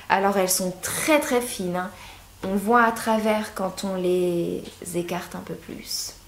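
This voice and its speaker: A woman's voice: mid-range voice, a little mellow. A woman vlogger from France, talking through an unboxing with lots of hesitant fillers. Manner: chatty, hesitant, many fillers. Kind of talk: casual unboxing chat. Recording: echoey room, faint background noise.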